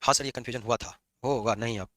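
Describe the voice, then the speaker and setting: A man teaching chemistry in a classroom lecture, lively and teasing his students as he explains. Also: medium pitch, quick pace, no echo. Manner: lively, scolding and joking with students.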